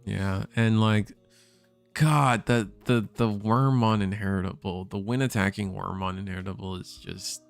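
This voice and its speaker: A man casting a card game tournament live, thinking out loud and correcting himself as he talks. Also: fairly low pitch, steady tone, normal speed, gravelly, clear, resonant tone, faint music behind. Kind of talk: live play-by-play commentary.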